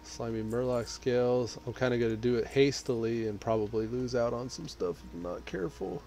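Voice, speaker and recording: A man's voice: medium pitch, brisk, a little hiss or hum. A man from Texas, casually commenting on his game and reading chat aloud while he plays. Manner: relaxed, reads chat aloud while playing. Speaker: gaming streamer. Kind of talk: casual live-stream commentary.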